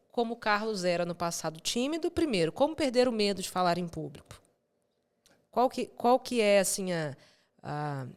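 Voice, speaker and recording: A woman hosting a podcast interview, asking chatty, admiring questions. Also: mid-range voice. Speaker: podcast host.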